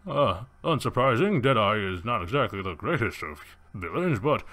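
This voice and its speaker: A man's voice: fairly low pitch, big pitch swings, moderate pace, pushed and bright, full character voice. A man voicing a pompous villainous male animal tamer who speaks in haughty, theatrical, formal phrases. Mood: smug.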